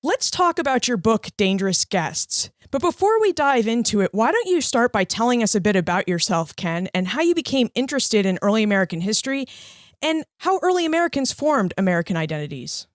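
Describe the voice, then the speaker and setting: Hosting a history podcast, a woman first reads a scripted intro and then greets and questions her guest with upbeat friendliness. Her voice is a little high and a little fast, swinging widely in pitch, and the studio-quality audio has no echo.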